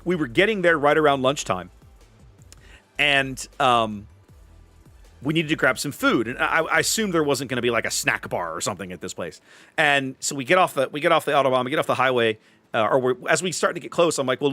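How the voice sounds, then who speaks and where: A man's voice: medium pitch, lively intonation, fast talker, sharp tone, no room sound, faint music behind. A man hosting a live stream, chatting casually to viewers and telling a rambling travel story with many restarts. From United States. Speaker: streamer host.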